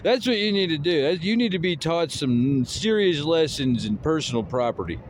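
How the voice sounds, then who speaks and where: A man's voice: fairly high pitch, animated, moderate pace, a little hiss or hum. A man giving a rambling, scolding comic rant as a vlogger. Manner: lecturing, scolding, repetitive.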